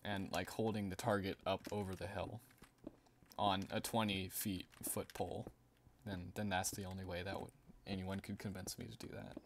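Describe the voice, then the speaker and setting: A male streamer with a lowish voice rambles loosely while playing, chatting with viewers and breaking into laughter now and then. There is faint noise behind him, with soft keyboard typing. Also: flat delivery, normal speed. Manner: rambling, chatty, laughs often and reads out chat. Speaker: livestreamer. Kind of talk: casual gaming stream chat.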